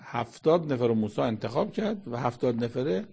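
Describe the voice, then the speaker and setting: A man's voice: mid-range voice, expressive, gravelly, dark tone, slightly rough. A man giving a conversational religious lecture, explaining scripture in everyday speech and quoting Arabic verses. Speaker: Quran commentator.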